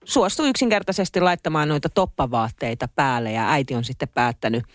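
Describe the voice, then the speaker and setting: A co-host in casual chat, reacting quickly and telling stories expressively. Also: medium pitch, no room sound, studio quality. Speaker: podcast co-host.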